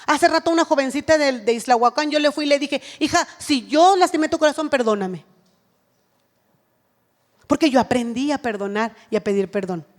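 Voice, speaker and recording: A woman's voice: sits high, long reverb tail. A woman giving an earnest sermon at a women's church retreat, acting out what a mother says to her child.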